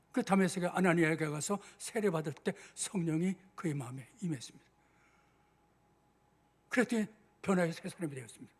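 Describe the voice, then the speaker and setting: Older pastor preaching, husky and high. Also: male voice, a little mellow. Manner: acts out biblical dialogue in conversational asides. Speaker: senior pastor. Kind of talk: sermon. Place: church sanctuary.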